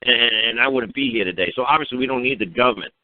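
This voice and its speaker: This talk show speaker has a mid-range voice and a fast delivery, captured dry over a narrow-band internet radio call. Advising a caller on the phone-in, he rants bluntly and emphatically, cursing at will and firing off derisive rhetorical questions.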